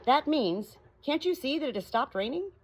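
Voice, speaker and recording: A woman voicing a proud, bossy female parrot in a high, insistent, instructive voice for a storybook. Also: sing-song, moderate pace, a little hiss or hum.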